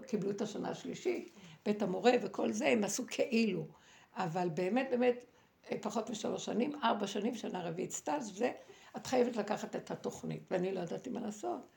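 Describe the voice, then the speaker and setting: Middle-aged woman, heavy vocal fry, mid-pitched, for a fervent religious talk that shifts between stories and exhortation. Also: darkish tone. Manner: dramatic, exhorting, many fillers and restarts. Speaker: religious speaker and former seminary head. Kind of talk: impassioned religious talk and personal testimony.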